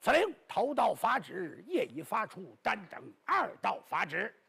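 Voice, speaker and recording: A cowardly trickster bluffs his way out of trouble in a high, rasping voice that leaps about in pitch, put on by a male storyteller. He stammers and rushes his boasts, all bluster and no courage, like a rogue in a traditional storybook tale. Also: huge pitch swings, pushed and bright, exaggerated voice. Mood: mock chanting.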